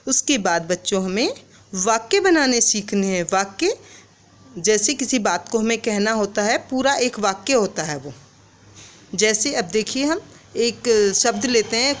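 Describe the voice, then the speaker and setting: Slow, high-voiced Hindi teacher spelling for kids. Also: female voice. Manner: slow, syllable-by-syllable spelling, asks children questions. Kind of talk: children's Hindi lesson.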